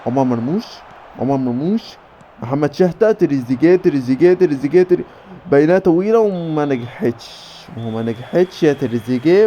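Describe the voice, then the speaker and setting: An Egyptian man commentating his own football video game match with rapid bursts of player names and cheering. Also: a little high, slight background noise. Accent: Egyptian Arabic. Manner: rapid name-calling bursts, cheering shouts. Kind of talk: excited play-by-play game commentary.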